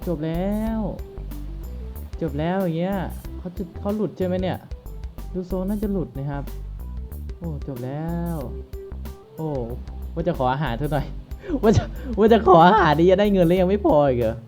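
A man hosting a gaming video, commenting as he plays with excited exclamations and casual swearing. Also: high voice, normal speed, long pauses, faint music behind. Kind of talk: let's-play commentary.

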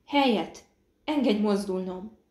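A stern older fortune teller barks short commands, as a woman reader puts her on. The voice is raised and gravelly, and it rings in a roomy, echoing space. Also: mid-range voice, close to an everyday voice. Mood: commanding. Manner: shouting orders. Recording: roomy echo.

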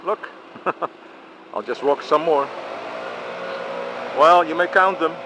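A vlogger with a Dutch accent and a voice on the high side chats slowly and casually as he walks and films. He exclaims often, and his handheld camera mic captures plenty of street noise around a busy bike parking area.

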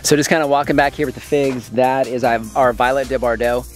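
Male vlogger, casual outdoor garden walkthrough, chatty and enthusiastic, soft music bed. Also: mid-range voice, steady tone, a little fast. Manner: chatty, enthusiastic, talks while eating. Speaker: homesteading vlogger. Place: outdoors in an orchard.

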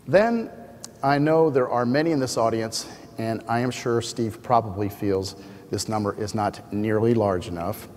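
A man's voice: lowish voice, normal speed, darkish tone. Man, 50s, American, event host; formal scripted podium speech, echoing hall with faint noise. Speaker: event host introducing the speaker. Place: large indoor hall at a podium. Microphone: podium microphone. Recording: echoey hall with ambient noise.

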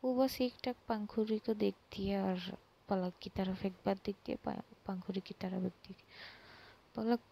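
A woman's voice: fairly even intonation, measured pace, creaky, warm tone. A woman casually retelling a romance episode by episode, acting out the characters' quoted lines. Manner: retells a love story, acting out quoted lines with rising pitch. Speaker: storyteller. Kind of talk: casual storytelling narration with quoted dialogue.

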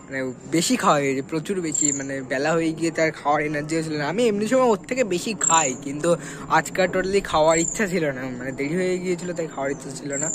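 A man's voice: on the high side, very fast, background noise. Chatty man vlogging on the go. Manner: chatty, rambling with many fillers. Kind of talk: casual vlog chat. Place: outdoors and indoors, on the move.

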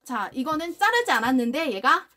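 A young woman talks through a dog nail grinder demo in a high voice. Her pitch swings widely and turns sing-song when she praises her dog. The talk is casual and friendly. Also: sing-song, brisk, heavy background noise. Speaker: dog owner demonstrating pet grooming product. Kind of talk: casual product demonstration.

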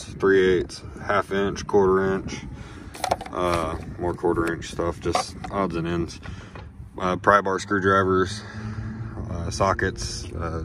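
A man giving a casual walkaround tour of his farm truck outdoors, listing tools with many hesitations, recorded on a handheld phone. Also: sits low. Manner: rambling, listing items with many "uh"s. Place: outdoors by a pickup truck, phone camera in hand. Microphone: handheld phone camera. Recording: noisy outdoor phone audio.

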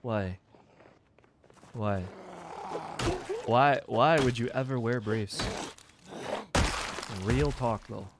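A livestreamer with a medium-pitched voice talks extremely slowly, pausing often, over very noisy audio. He chats casually with viewers during gameplay, exclaims over the items he finds, and teases the chat.

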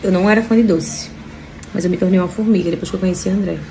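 A young woman, chatting excitedly to viewers as she films a hotel tour on her phone. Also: on the low side, rapid-fire, a little hiss or hum. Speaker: vlogger. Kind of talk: casual vlog tour.

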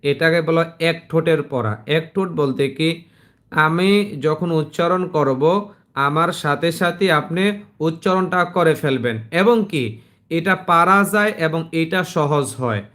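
A man with a Bangladeshi Bengali accent leads an online Quran class. His voice sits a little high for a man, and he speaks slowly and patiently. He stretches each recited verse out before explaining it plainly to his students. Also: fairly bright tone. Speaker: Quran teacher.

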